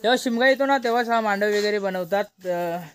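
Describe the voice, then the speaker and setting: A man's voice: high-pitched, fast talker, fairly bright tone, a little hiss or hum. A man hosting a casual village vlog, chatty and coaxing as he shows around his home courtyard. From Konkan, India. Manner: chatty, coaxing and teasing the kids. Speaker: village vlogger host. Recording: outdoor courtyard with family chatter behind.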